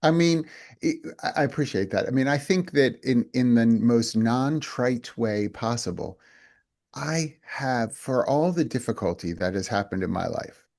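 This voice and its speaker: A man's voice: medium pitch, lively intonation, measured pace, gravelly, a little mellow. A male company president talking as a podcast guest, earnest and reflective, often restarting his sentences. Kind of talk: casual interview chat.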